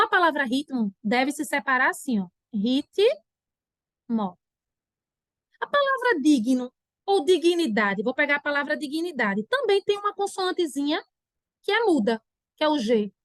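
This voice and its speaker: A woman teacher giving an online grammar lesson, animated and acting out her students' questions. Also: high voice, brisk, no echo, clean studio sound.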